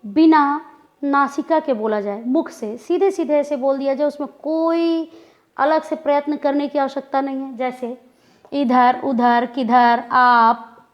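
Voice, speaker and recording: A woman teaching Hindi grammar in a lecture style, speaking deliberately and repeating example words to demonstrate how they sound. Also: high voice, a little mellow, muffled recording.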